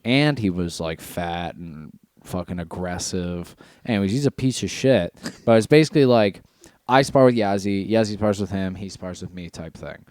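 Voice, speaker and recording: A man with a very low, deep voice talks in loose, casual podcast chat. He is blunt and swears freely as he tells his stories. The sound is dry and close. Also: normal speed, darkish tone, no echo. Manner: blunt and profane, storytelling. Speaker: podcast co-host.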